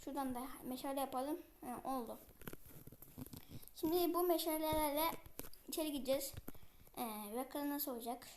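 A woman giving casual gameplay commentary, chatting to viewers with many fillers and speaking a bit loudly on purpose. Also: high-pitched, normal speed, long pauses, a little hiss or hum.

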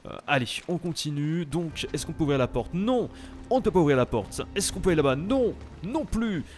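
A young French man giving casual, animated commentary while playing a video game, exclaiming at the action. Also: on the high side, fast talker, a little hiss or hum. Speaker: let's play host.

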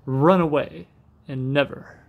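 A man reading a storybook aloud, voicing a scheming, evil lion in a sly, lowered, menacing tone. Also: animated, takes it slowly, narrow, tinny audio.

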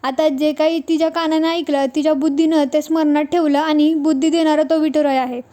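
A woman's voice: sits high, flat delivery, brisk, warm tone, natural voice. A woman voicing a poor, humble older man who pleads earnestly and politely in a serial recap.

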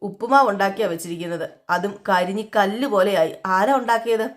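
A woman voicing a blunt, grumbling young husband in a retold TV serial, in a gruff complaining manner. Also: medium pitch, fairly quick, close to an everyday voice. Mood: irritated.

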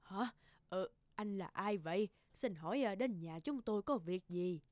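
A woman's voice: mid-range voice, animated, normal speed, darkish tone, no room sound, clean studio sound, voice pushed down, lightly acted. A woman voicing an old village wife in a storybook cartoon, speaking hesitantly with many fillers. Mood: worried.

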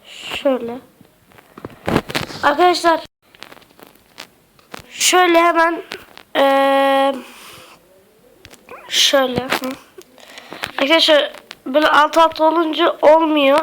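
A high-voiced woman with a slightly sick voice narrates a casual gameplay tutorial. She is chatty and hesitant, filling gaps with "uh" and turning to her viewers as friends. A clear hiss and mouse clicks run under her home desk-mic recording. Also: fairly even intonation, slow, long pauses. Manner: keeps addressing viewers as friends, chatty and hesitant with many fillers. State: slightly sick voice with occasional coughs. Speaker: Minecraft tutorial YouTuber.

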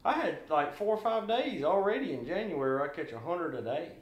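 A man's voice: fairly high pitch, a little fast. Boastful man, roomy sound. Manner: boastful, animated storyteller. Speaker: angling guide and friend. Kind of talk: casual chat. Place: living room, indoors. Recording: roomy echo.

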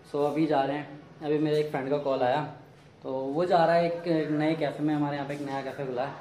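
A young man from India, chatting casually to camera in a travel vlog. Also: a little high. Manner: chatty, talks straight to camera with hand gestures. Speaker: vlogger. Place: busy roadside outdoors in summer heat; small room at home. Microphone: phone camera at arm's length. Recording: echoey with loud street noise. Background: street traffic.

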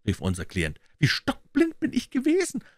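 A man's voice: normal speed, no echo, full character voice. A man reading an audiobook and voicing a flustered, desperate young male clerk who cries out in alarm. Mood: distraught. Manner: excited exclamations, pitch rising to a near cry. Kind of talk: audiobook character voice.

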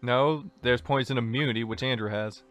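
A man in a relaxed gaming session with friends, tossing out jokes and quick replies. His voice sits at an ordinary middle pitch for a man. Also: faint music behind. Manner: joking, relaxed. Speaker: gamer playing with friends. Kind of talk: casual gaming chat.

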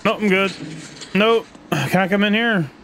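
A man's voice: high-pitched, a little fast, background noise. A man doing casual live commentary as a scared horror game streamer, muttering uneasy reactions into a desk microphone. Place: indoor streaming room. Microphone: boom microphone at a desk, headphones.

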